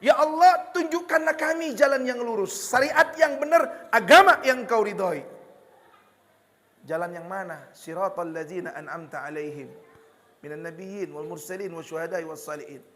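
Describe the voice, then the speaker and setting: A man with a Betawi accent preaching a lively, joking sermon, slipping into Betawi slang. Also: high voice, normal speed, long reverb tail. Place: hall with religious gathering.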